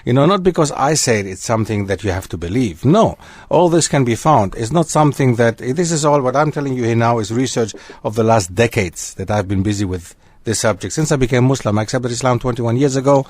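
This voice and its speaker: Radio historian: a man raised in Germany, lively, wandering explanations, dry studio mic. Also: medium pitch, brisk, hardly any pauses, no echo. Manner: animated, digressive lecturing. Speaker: guest historian. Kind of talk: radio discussion. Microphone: studio microphone.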